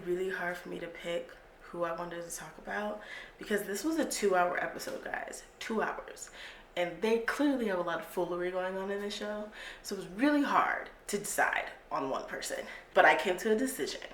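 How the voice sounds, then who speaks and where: A young woman, chatting casually as a beauty vlogger and giggling easily. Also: on the low side. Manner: chatty, giggly, drawls slang. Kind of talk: casual chat. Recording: echoey room with faint noise.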